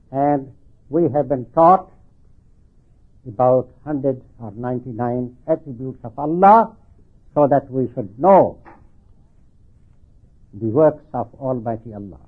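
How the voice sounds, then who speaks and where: An older man preaching and explaining scripture, deliberate and halting, repeating phrases, with slightly slurred lips-over-teeth articulation from artificial teeth. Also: medium pitch, breathy edge. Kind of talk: religious sermon explaining scripture. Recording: thin phone-like band-limited sound.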